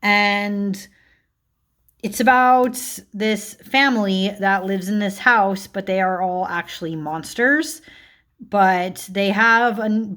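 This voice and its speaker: A woman in mid pitch talks through a book review in an easy, rambling way. She leans on filler words and restarts her sentences, keeping it loose and conversational. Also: fairly bright tone. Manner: chatty, filler-heavy, self-correcting, frequent laughs. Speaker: book and tarot vlogger. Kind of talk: casual book review chat.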